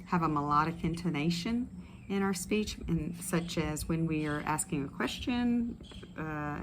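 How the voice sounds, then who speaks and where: A woman speech pathologist leading voice and swallowing exercises in a relaxed, explanatory way with many fillers. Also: on the low side, noisy background. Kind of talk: instructional exercise video. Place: outdoors in a tropical setting. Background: ambient outdoor sounds with birds.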